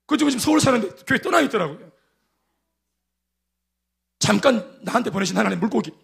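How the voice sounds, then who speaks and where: Gravelly, high-voiced pastor with a Gyeongsang accent. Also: male voice, fairly quick. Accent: Gyeongsang dialect. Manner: animated storytelling with acted-out quotes. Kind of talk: sermon.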